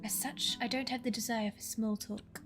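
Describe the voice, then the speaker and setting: A woman's voice: fairly high pitch, fairly even intonation, normal speed, a bit bright, soft background music, lightly acted. A woman voicing a curt, prickly hospital colleague who speaks tersely and coolly.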